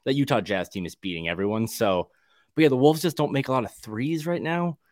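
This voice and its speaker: A man co-hosting a sports podcast in casual chat, talking quickly and wryly, with many restarts. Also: mid-range voice, lively intonation, no echo, clean studio sound.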